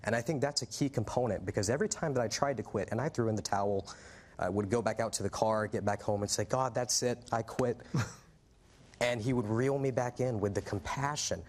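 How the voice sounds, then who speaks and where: A man's voice: on the low side, fairly quick. A man, a guest preacher, telling his personal testimony in an interview, earnest and fluent with frequent "uh" fillers.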